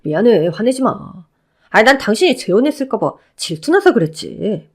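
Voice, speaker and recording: A woman's voice: fairly high pitch, sing-song, normal speed, breathy edge. A woman voicing a wheedling, self-pitying ex-husband who begs his former wife to take him back, in a Korean audio drama. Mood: pleading. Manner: pleading, whiny.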